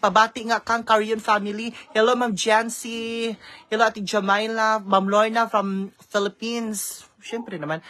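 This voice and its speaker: Woman vlogger, casual live-stream chat, mid-range pitch, talkative, keeps reading viewer shout-outs. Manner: code-switches freely with English.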